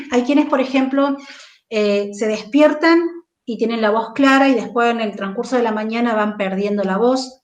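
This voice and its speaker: A woman's voice: medium pitch, reverberant. A woman with an Argentine Spanish accent, working as a speech therapist, patiently explaining in an interview and often checking in with listeners. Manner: patient, explanatory, tags points with "¿sí?".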